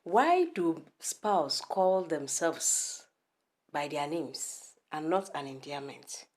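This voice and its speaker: A young Nigerian woman with an Igbo accent and a deep, low voice vlogs from home in a casual opinion piece, speaking emphatically and repeatedly asking the viewer direct questions. Her intonation is lively, her pace slow, and her tone somewhat dark, all in an echoey room.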